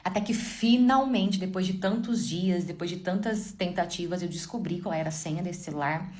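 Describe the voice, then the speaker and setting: A woman's voice: on the low side, moderate pace, darkish tone. A young woman telling a dramatic first-person story in a casual way, talking straight to her listeners. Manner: dramatic, addresses listeners directly.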